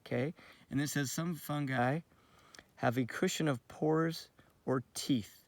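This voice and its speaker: Gravelly man teaching kids outdoors. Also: a little high, fairly even intonation, slow pace, no room sound, distant mic. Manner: friendly, rambling with many fillers. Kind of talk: casual outdoor nature lesson for kids. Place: outdoors on his lawn.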